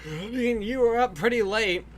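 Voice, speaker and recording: A man's voice: very high-pitched, moderate pace, slight background noise. A man hosting a casual drawing stream, playful and jokey with his friends. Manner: playful, jokey, breaks into laughs. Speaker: host.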